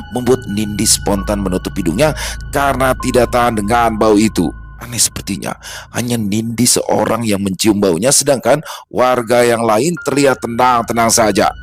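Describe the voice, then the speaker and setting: Low-voiced male horror story narrator. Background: faint background music.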